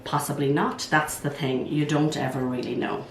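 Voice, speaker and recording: An older woman with a low, croaky voice, hoarse from a cold, hosts a plant channel vlog from home, chatting eagerly and thinking aloud as she works. Her intonation is fairly even and her pace moderate. She sounds distant from the mic in an echoey indoor room, with a faint hiss in the background.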